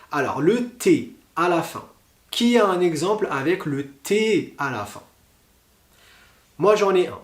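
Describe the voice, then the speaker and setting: A man with a French accent teaching pronunciation, talking slowly and deliberately with many hesitations. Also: fairly high pitch, darkish tone, echoey room. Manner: slow, deliberate, with frequent hesitations.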